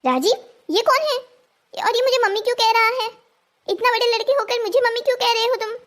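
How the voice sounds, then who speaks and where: A woman with an extremely high, fairly quick and slightly bright voice plays a confused, stubborn twenty-one-year-old in a cartoon story. She sounds indignant and bewildered.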